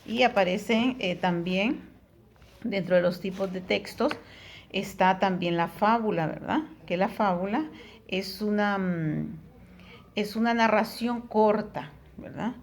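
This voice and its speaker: A woman's voice: mid-range voice, slow pace. A woman teaching a lesson, explaining patiently, with frequent tag questions and fillers. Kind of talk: recorded Spanish tutoring lesson.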